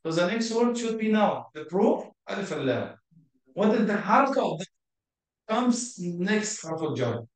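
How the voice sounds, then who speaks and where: A man teaches grammar at a slow, unhurried pace, his fairly high voice explaining each point patiently. He switches between English and as he goes. The sound rings heavily around a very echoey room. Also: very animated. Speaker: Arabic teacher. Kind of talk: grammar lesson.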